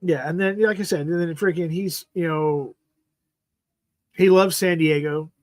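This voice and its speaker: A man in his fifties hosts a livestream, rambling casually about football, repeating "freaking" and letting sentences trail off unfinished. His voice is fairly high and darkish, with a steady tone and a slightly slow pace. The recording has no echo.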